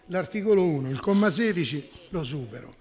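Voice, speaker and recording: A man's voice: a little high, expressive, a little fast, darkish tone. A man speaking as a town councillor in a formal council debate, arguing and often correcting himself. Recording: echoey council chamber.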